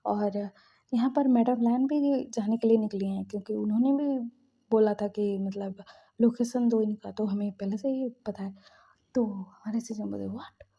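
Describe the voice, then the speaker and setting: A woman narrating a fan story casually, in a soft, often half-whispered voice. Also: medium pitch, normal speed, gravelly, husky. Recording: dull lo-fi recording.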